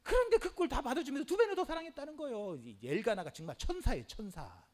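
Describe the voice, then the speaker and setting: Speaking fast in a very high-pitched voice, a middle-aged pastor delivers an animated sermon. Rhetorical questions aimed at the congregation alternate with frequent cries of hallelujah.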